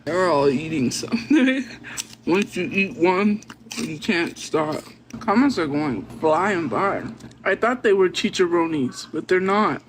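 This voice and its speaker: A woman's voice: on the low side, animated, takes it slowly, slight background noise. A woman streamer chatting casually with her viewers and reacting to their comments. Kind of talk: casual livestream chat.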